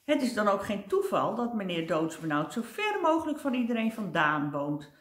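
An older woman reading a children's storybook aloud in a gentle, expressive way, with the odd slip over a word. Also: mid-range voice, moderate pace, reverberant.

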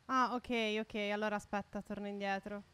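A woman's voice: mid-range voice, fairly even intonation, moderate pace, bright, forceful tone, smooth. A woman co-hosting a gaming video, chatting casually and pleadingly into a close microphone. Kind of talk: casual gameplay chat. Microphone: close desk microphone with headset.

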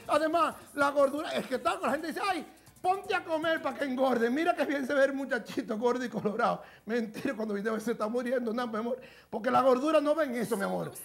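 A man's voice: very high-pitched, gravelly, full character voice. A man playing a flamboyant woman who presents TV gossip. He talks in a camp, theatrical way and calls everyone "my love" in a TV studio with faint music behind. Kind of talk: sketch comedy gossip segment.

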